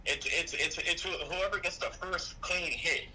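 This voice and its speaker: A man's voice: high voice, fairly even intonation, unhurried, bright, forceful tone, slight background noise, low-quality recording. Man on a speakerphone call. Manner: matter-of-fact, explains in detail. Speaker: phone-in friend. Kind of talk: casual chat.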